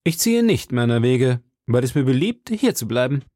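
A man's voice: medium pitch, very animated, normal speed, warm tone, no room sound, studio quality, natural voice. A man voicing a young, hot-headed male swordsman who speaks in a raised, courtly but challenging manner, from a storybook reading. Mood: defiant gallant.

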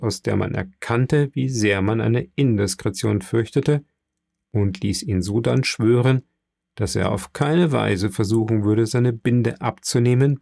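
A man reading a classic novel aloud as narrator, steady and measured, close to the microphone. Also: fairly low pitch, creaky, no room sound. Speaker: audiobook narrator. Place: coworking space.

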